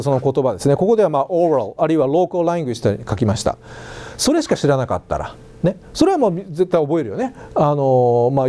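A middle-aged male university lecturer in English education teaches a relaxed, conversational class, tossing rhetorical questions at his students. His voice is slightly high, swings up and down a lot, and has a mellow, dark tone.

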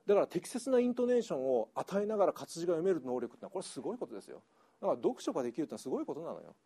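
Lively lecturing man. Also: on the high side, rapid-fire, vocal fry, husky. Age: middle-aged. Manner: lively, chatty, laughs often, slips into Kansai dialect. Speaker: English teacher. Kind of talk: lecture to an audience.

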